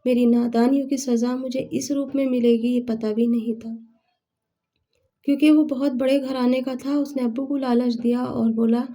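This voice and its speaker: A woman vlogger telling a first-person story in a plain, steady way. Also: high voice.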